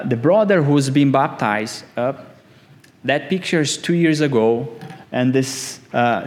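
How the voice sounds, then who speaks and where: A man delivers a sermon at a very unhurried pace. His voice sits at a middle pitch and rises sharply on the words he wants to stress, in short, deliberate phrases. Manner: slow, emphatic preaching, rising on key words. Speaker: pastor.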